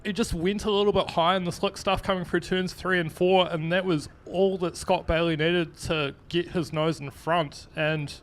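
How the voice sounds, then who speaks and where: Nz guy doing colour commentary at the speedway, bit high voiced, laid back, faint track noise. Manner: relaxed, measured analysis of the race. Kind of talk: live motorsport commentary. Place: outdoor speedway commentary position.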